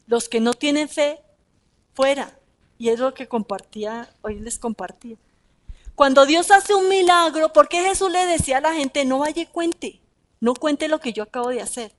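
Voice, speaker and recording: A woman preaching a sermon, talking in an animated way with rhetorical questions and emphatic repeats. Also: sits high, unhurried.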